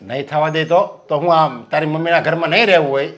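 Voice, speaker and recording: A man performs a stubborn, traditional middle-aged father firmly lecturing his son about marriage and family with proverb-like reasoning. His voice is a little high and fairly bright, he talks fast, and the acting is light. Faint music plays behind him.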